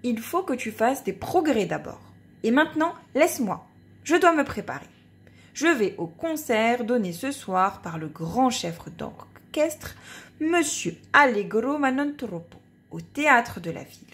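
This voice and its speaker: A busy, grumpy impresario from a children's storybook, put on by a woman reader. He answers curtly and dismissively, a little raised in pitch and lively. Impatient, wanting to be left alone. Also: a little slow. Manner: curt and dismissive.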